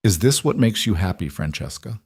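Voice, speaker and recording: A man's voice: fairly low pitch, expressive, a little fast, a little mellow, breathy edge, dry recording, studio quality. A man voicing a wealthy father around sixty, cold, disdainful and commanding. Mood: scornful. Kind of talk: audiobook character voice.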